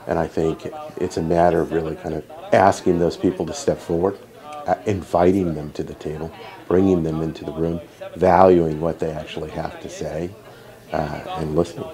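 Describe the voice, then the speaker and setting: A man's voice: low-pitched, flat delivery, normal speed, crowd noise. A man speaking in an interview, thoughtful and repeating words as he works through his point.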